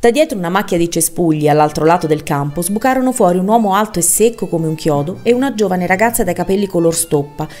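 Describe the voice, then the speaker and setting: Low-pitched woman, measured audiobook narrator, quiet music bed. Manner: measured, expressive reading. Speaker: audiobook reader.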